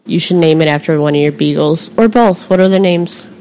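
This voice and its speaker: A woman with a lowish voice hosts a relaxed conversation, teasing and upbeat, quick to laugh. A faint hiss of noise sits under her voice. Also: low-quality recording. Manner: playful, enthusiastic, laughs easily. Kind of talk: casual conversation.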